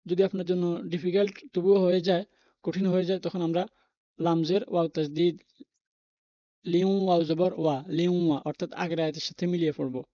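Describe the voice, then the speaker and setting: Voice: medium pitch, little pitch movement, moderate pace, warm tone, dry recording. A patient teacher spelling out Arabic letters and vowel marks one by one in a Quran reading lesson, reassuring learners that it is not hard. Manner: reassuring, talks the learner out of worry. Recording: dull, lo-fi recording.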